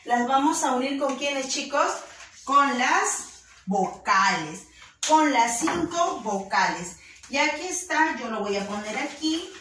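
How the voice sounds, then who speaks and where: A high-voiced woman from Peru teaches small children with a slow, patient, step-by-step delivery. Her voice sounds distant from the mic and rings in a very echoey room, with faint noise behind her. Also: a bit bright. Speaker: kindergarten teacher. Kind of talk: children's writing lesson.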